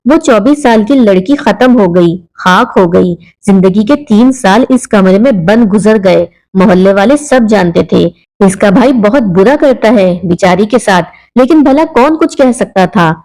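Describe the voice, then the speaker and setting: A woman's voice: mid-range voice, animated, few pauses, darkish tone, rough recording. Woman narrating a mournful Urdu-accented story. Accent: Pakistani Urdu. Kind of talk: scripted dramatic narration.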